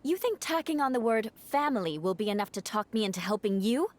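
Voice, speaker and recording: A woman's voice: a little high, expressive, brisk, close to an everyday voice. An actress playing a proud, cool young noblewoman fighter who speaks in a dry, cutting tone, in game voice acting.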